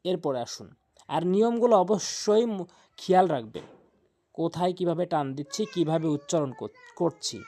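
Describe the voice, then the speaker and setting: Bengali lady teaching quran reading, warm low-key tone, slow sung verses between plain explaining. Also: expressive. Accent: Bangladeshi Bengali. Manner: drawn-out melodic recitation between plain explanations. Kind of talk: spelling out letters and chanting verses slowly.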